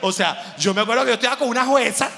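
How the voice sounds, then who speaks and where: A Venezuelan man performing a stand-up comedy monologue, animated and full of slang as he acts out little scenes. His voice sits high and bright. The sound carries the long reverb of a large hall. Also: rapid-fire, creaky.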